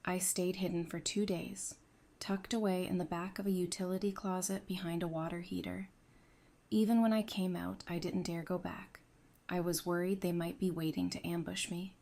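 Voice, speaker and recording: In this audio drama an actress portrays a widow who survived the apocalypse, steady and determined, speaking in an earnest, measured manner while grieving. Her lowish voice is level and darkish, touched with vocal fry.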